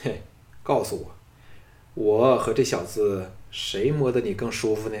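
Sneering scheming nobleman, voiced by a man, leering, commanding, low voice, audiobook drama. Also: a little slow, close to an everyday voice. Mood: cold, scheming. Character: lecherous scheming nobleman, middle-aged man.

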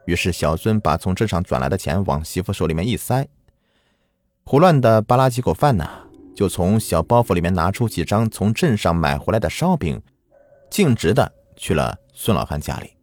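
Male folk-tale narrator, very low and animated, dry close sound. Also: moderate pace, dry recording. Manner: dramatic, lilting storytelling. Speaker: storyteller. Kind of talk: folk ghost story narration.

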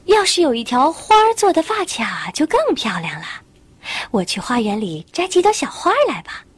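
A woman's voice: high-pitched, very animated, normal speed, slightly rough, dry recording, exaggerated voice. A woman voicing a small, kind-hearted young firefly in a simple, childlike way for a storybook. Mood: eager.

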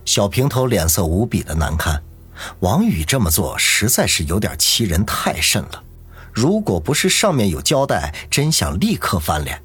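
A man's voice: fairly low pitch, big pitch swings, normal speed, a bit bright, breathy edge. A man narrating a novel as an audiobook, with dramatic storytelling. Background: faint music.

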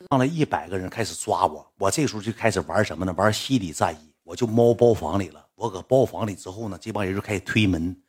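A young man with a Northeastern Chinese accent telling a comic story in lively, chatty dialect. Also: on the low side, slightly rough.

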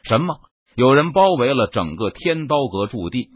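A man's voice: medium pitch, very animated, normal speed, husky, no echo. A man reading an audiobook, voicing a stern, commanding deputy leader of a sect. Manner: stern, clipped orders. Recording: dull lo-fi dry recording.

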